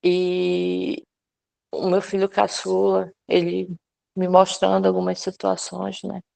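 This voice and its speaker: A woman's voice: fairly low pitch, monotone, slow, vocal fry, darkish tone. A woman sharing a personal testimony with a prayer group, talking earnestly with many restarts and fillers.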